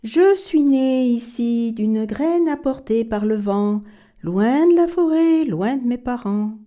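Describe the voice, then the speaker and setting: A woman voicing a lonely singing tree in a storybook, speaking slowly and wistfully. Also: on the high side, lively intonation, mellow, voice pushed up.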